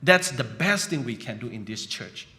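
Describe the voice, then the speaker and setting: Bright-voiced preacher. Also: male voice, medium pitch, animated, normal speed. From Burma. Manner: conversational, often adds "you know" and "right?". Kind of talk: sermon.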